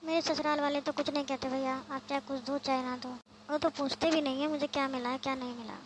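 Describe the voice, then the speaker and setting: A woman voicing a lively, outspoken young sister. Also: sits high, quick pace, noisy background, lightly acted. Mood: earnest. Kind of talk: cartoon voice acting. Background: background music.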